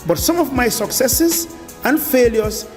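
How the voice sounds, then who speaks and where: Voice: mid-range voice, animated, measured pace, a little mellow. An older speaker delivers a scripted promotional message meant to motivate. The voice sits in long reverb, with music in the recording.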